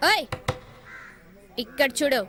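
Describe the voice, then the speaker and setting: Stubborn young woman, scolding and defiant, high-pitched film dialogue. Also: lively intonation, takes it slowly, bright, forceful tone, exaggerated voice. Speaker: film character, student daughter.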